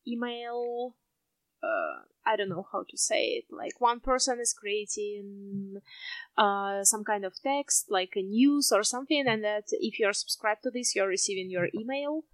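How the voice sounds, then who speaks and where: A woman's voice: medium pitch, animated, measured pace, no echo, poor audio. A woman in her twenties with a Russian accent, a native Russian speaker, chatting casually and reflectively as a podcast co-host, often hesitating as she searches for words. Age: 20s.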